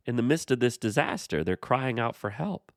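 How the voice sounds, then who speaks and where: A man hosting a Bible study, explaining the passage in a measured way and speaking to the character directly. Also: medium pitch, animated, dry recording, studio quality. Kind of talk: scripture commentary dialogue.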